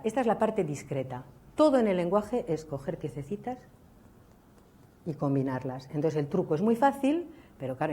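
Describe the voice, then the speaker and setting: Chatty woman giving a science lecture. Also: on the low side. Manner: lively, chatty, addresses audience with ¿vale?. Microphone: speaking to a hall audience.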